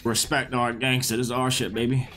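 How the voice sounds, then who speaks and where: A young man streaming a video game, chattering with teammates in excitable, sweary, repetitive bursts. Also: medium pitch, fairly quick, crowd noise. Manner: excitable, sweary, repeats himself in short bursts. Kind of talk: live gaming chatter with teammates. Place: indoor room, streaming setup. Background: game music and sounds.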